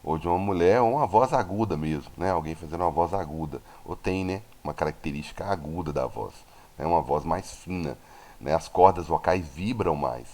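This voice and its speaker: A Brazilian man with a very low voice teaches a physics lesson. He goes through each point step by step and stops often to check that his students are following. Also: brisk, darkish tone. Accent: Brazilian Portuguese. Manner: explanatory, many tag questions. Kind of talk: recorded classroom lesson.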